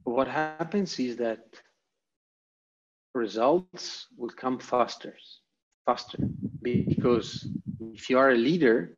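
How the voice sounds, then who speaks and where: Through dull, lo-fi video call audio comes a slow, mid-range voice: an Italian man from Italy with an Italian accent. He's the guest presenter of a motivational online lecture, driving his points home with emphatic, repeated short phrases.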